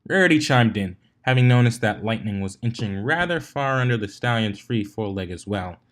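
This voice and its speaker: This fan fiction reader has a lowish, somewhat bright voice and narrates expressively at a fairly quick clip, voicing the different characters. Occasionally a word trips him up and he corrects himself.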